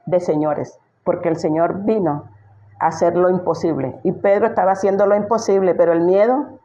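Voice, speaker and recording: A woman's voice: fairly low pitch, dark tone, lo-fi sound. A woman pastor giving an emphatic sermon, full of rhetorical questions she answers herself.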